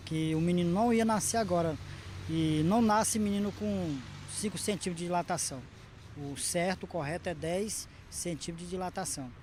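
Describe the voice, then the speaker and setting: A man's voice: sits high, darkish tone, slight background noise. A man being interviewed for a TV news report, telling what happened in an agitated, uneven way. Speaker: interviewee, father.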